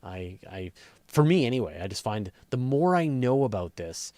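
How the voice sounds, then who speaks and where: Answering questions live about space and astronomy, this host talks things through conversationally and thinks out loud. He has a mid-range, sing-song, darkish voice at a moderate pace, with no echo.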